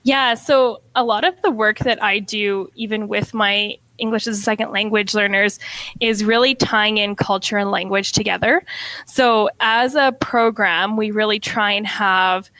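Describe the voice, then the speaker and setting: A young woman in her twenties who works as a middle school teacher is chatting on a podcast, laughing often and peppering her speech with "like" and "um." She speaks at a measured pace and medium pitch, with a sharp tone and fairly even intonation. The recording is rough but has no echo.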